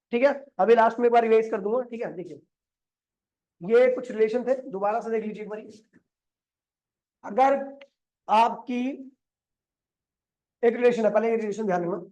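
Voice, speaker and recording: Man teaching, quizzing and answering himself. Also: very high-pitched. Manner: asks questions and answers them himself; repeats key steps, mixing in English terms. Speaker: physics teacher. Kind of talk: explaining on a board.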